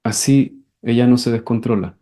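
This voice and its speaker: A man's voice: medium pitch, moderate pace. Man teaching an enneagram class. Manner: acts out scenes with sudden shouted voices, repeats words. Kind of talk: class lecture with questions and answers.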